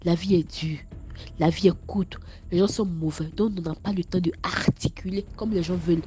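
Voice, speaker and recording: A young woman with an Ivorian French accent, talking straight to her viewers in a casual storytime vlog, animated and stammering, scolding one moment and telling her story the next. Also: fairly low pitch, normal speed, background noise. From Ivory Coast.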